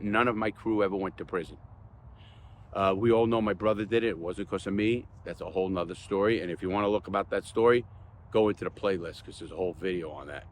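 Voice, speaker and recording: With a lowish voice and slight noise behind him, an older crime-stories channel host talks to his audience without a script. He is plain-spoken and earnest, hammering points home through repetition.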